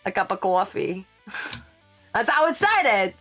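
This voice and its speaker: A woman streaming live in casual chat. She answers chat as she works and jumps to sudden high exclamations. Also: big pitch swings, slow pace, a bit bright, faint music behind. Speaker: VTuber streamer.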